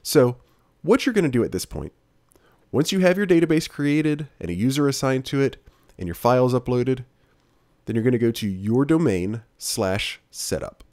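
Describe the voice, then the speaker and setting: A man narrating a software tutorial screencast as instructor, in a steady, plain-spoken, explanatory way. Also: medium pitch, normal speed, no room sound, clean studio sound.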